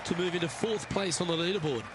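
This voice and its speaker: Golf commentator, played by a man: higher pitch, measured, encouraging calls over crowd noise and music. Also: natural voice.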